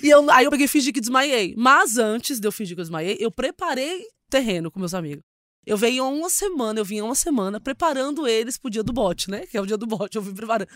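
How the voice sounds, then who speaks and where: Fast-talking São woman comedian. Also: fairly high pitch, no room sound, studio quality. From São Paulo, Brazil. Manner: animated, laughing storyteller acting out quotes. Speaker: comedian guest. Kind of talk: casual interview storytelling.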